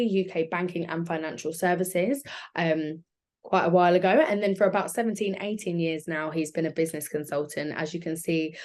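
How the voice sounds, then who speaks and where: A woman's voice: on the low side, a little mellow. A woman with a South London accent hosting a live online session in an informal, chatty way. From South London, England. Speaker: webinar host.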